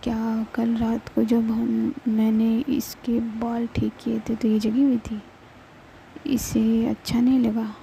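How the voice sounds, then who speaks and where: A woman's voice: on the high side, completely flat delivery, takes it slowly, vocal fry, warm tone, a little hiss or hum, low-quality recording. A woman telling a love story in a casual, loose way with many fillers.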